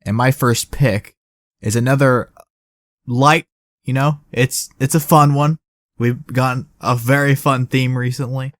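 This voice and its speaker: Brief: young male podcast co-host, mid-pitched, casual and animated, dry close mic. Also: unhurried, no room sound. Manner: animated, acts out movie quotes. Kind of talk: casual chat.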